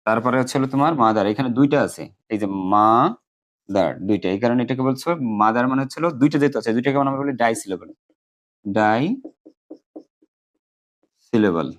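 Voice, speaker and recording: A man with a Bangladeshi accent teaching an English grammar lesson to students, explaining step by step and slowly repeating key words. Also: mid-range voice.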